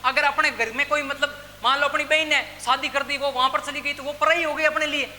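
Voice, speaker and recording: A male English teacher with a Rajasthani Hindi accent gives a classroom grammar lecture in a very high-pitched, bright, forceful voice, brisk and steady in tone. He asks questions and answers them himself, calling his listeners brother. The room is echoey with faint background noise.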